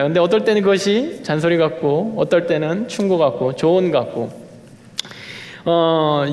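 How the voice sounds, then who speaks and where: High-voiced man preaching in an echoing church. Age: late 30s. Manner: chatty and self-deprecating, many fillers and restarts. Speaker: youth pastor. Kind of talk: conversational sermon. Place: church sanctuary. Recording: long hall reverb.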